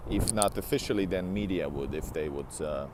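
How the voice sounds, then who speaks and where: His voice is deep, fairly quick, and a little mellow, with a touch of hiss or hum. He's a tired travel vlogger in his thirties from Latvia and Finland, live-streaming on foot along a city street beside a large building via a wired earbud headset, phone at arm's length. He chats casually with viewers, rambling, restarting often, and answering chat.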